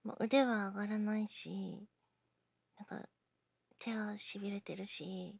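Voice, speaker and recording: A woman chatting casually to her listeners, self-deprecating, often dropping into breathy near-whispers while she talks through an injured shoulder. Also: medium pitch, fairly even intonation, takes it slowly, dry recording. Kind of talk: casual personal talk to listeners.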